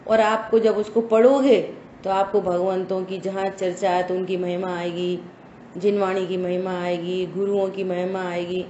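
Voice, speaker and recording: A woman's voice: lowish voice, level tone, dark tone, dull audio, slight background noise. A woman giving a scripture study lesson, speaking emphatically and asking her listeners rhetorical questions. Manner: slow, emphatic instructive delivery with rhetorical questions. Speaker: religious teacher. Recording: echoey room with faint ambience.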